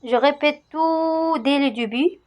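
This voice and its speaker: A woman's voice: high-pitched, slow pace. A woman vocabulary in to a class, repeating each word several times and urging the learners to repeat after her. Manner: coaxes the class to repeat louder. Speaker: English teacher.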